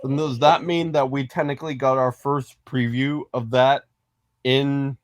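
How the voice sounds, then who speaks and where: A man's voice: mid-range voice, level tone, unhurried, no echo. A man co-hosting a casual fan podcast, talking in a rambling, hesitant way with many restarts. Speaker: podcast co-host.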